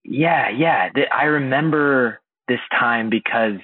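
A man from Indiana chatting casually as a podcast host, halting with many fillers and restarts. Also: medium pitch, no room sound. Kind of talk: casual chat. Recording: dry, phone-like, husky sound.

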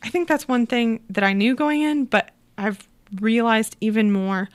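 A woman's voice: on the high side, normal speed. A young woman from Iowa talking casually in a podcast interview, upbeat and laughing often. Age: young adult. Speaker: podcast guest, agriculture storyteller.

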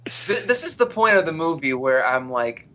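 A man's voice: a little high, big pitch swings, normal speed, pushed and bright, a little hiss or hum. A man co-hosting a casual movie review chat, wry and offhand, swearing casually. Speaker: podcast co-host.

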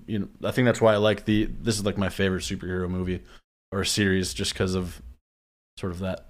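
A man's voice: low-pitched, level tone, brisk. A man in casual movie chat as a podcast co-host, laid-back with wry one-liners.

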